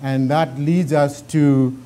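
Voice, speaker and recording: A warm, steady voice moves at a slow pace as this middle-aged Zimbabwean man, deep-accented, guides a Bible class. His style is conversational, with frequent repetition of words while he thinks.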